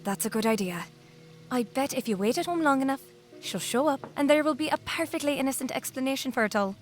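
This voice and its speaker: A woman with a high, expressive voice speaks quickly, playing a soothing, attentive new wife in an audio drama. She sounds polite, reassuring and politely concerned, though her character has veiled intentions.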